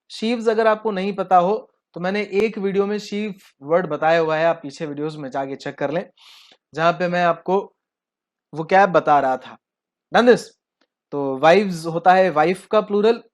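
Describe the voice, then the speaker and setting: A man teaching an English grammar lesson. He asks his students questions and answers them himself, spells out word endings slowly letter by letter, and keeps checking in with a quick "Done this?". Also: high voice. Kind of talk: classroom-style video lesson.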